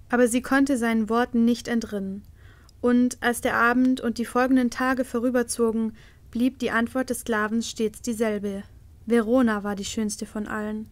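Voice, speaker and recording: A woman narrating a storybook chapter aloud as an audiobook reader, telling it calmly and expressively. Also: a little high.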